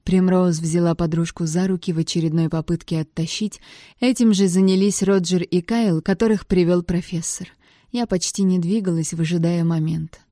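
Low, mellow woman narrating a novel. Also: fairly even intonation, normal speed, no echo, clean studio sound. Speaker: audiobook narrator. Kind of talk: first-person novel narration.

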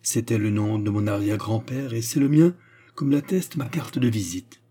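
A man voicing a composed, politely ironic French gentleman in a storybook reading, with a mellow, husky voice. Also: on the low side, normal speed. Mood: calm courtesy. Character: calm, courteous French gentleman.

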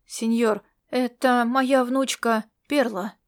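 A woman's voice: on the high side, steady tone, slow. A woman voicing a flustered, anxious old male servant in an audiobook story. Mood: apologetic. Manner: flustered, pleading.

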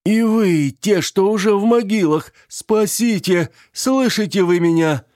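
A man's voice: mid-range voice, slow pace, vocal fry, dark tone, no echo, clean studio sound, pitched above the performer's own voice. A man voicing a frail dying old man who cries out and pleads for help. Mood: desperate cries. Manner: pleading, crying out, wheezing.

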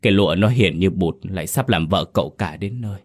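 A man's voice: low voice, brisk, a little mellow. A man voicing a timid young male servant who stammers in fear and pity in a told horror story. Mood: scared pleading. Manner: stammering, whispering.

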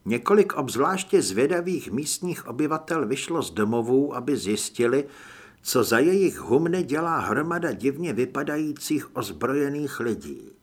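A man reading first-person audiobook narration in an expressive way. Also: mid-range voice, husky.

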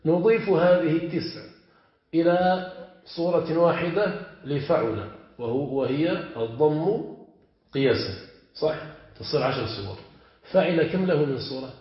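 Male teacher, higher voice, methodical lesson delivery, lo-fi recording. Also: expressive. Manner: explains step by step, quizzes students with quick checks. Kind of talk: classical Arabic grammar lesson. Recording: echoey, dull lo-fi lecture recording.

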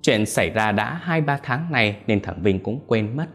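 Low-voiced male storyteller, expressive. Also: unhurried, soft background music. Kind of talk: scripted ghost story narration.

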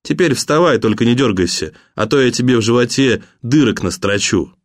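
A man's voice: medium pitch, lively intonation, brisk, no echo, clean studio sound, lightly acted. A man reading a novel aloud, playing a young thug who threatens in a mocking, casual way. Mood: threatening. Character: cocky young male thug, menacing but jokey.

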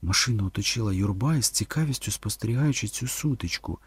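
A man reading a dramatic audiobook, with tense narration that drops low and slow in the dark passages. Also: animated, breathy edge, no room sound.

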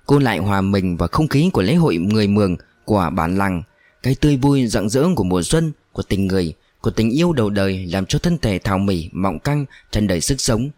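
A man narrating a storybook in a steady, unhurried way. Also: fairly low pitch, dry recording, clean studio sound.

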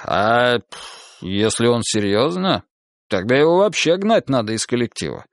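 A man's voice: mid-range voice, very animated, a little slow, dry recording, clean studio sound. A man reading an audiobook, voicing a blunt male police captain who lectures brusquely. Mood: lecturing.

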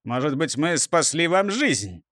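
A bossy, boastful fire chief who puffs himself up, as a man reading a storybook puts him on. His lines come raised and lively, and the sound is close and dry. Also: on the high side, unhurried, no room sound. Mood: self-important. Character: pompous self-important male fire chief.

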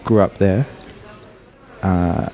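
A man's voice: low-pitched, steady tone, very slow, dark tone. A man hosting a podcast interview, chatting casually and rambling with lots of fillers. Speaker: podcast host.

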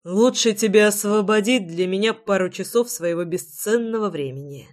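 A woman reading an audiobook voices a brash, teasing adult male lover, speaking low and insistently. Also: moderate pace, a little mellow, lightly acted.

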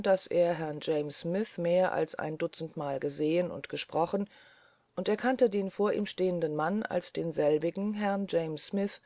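An audiobook reader narrating a courtroom story in an even, steady way. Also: mid-range voice, dry recording. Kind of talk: scripted narration.

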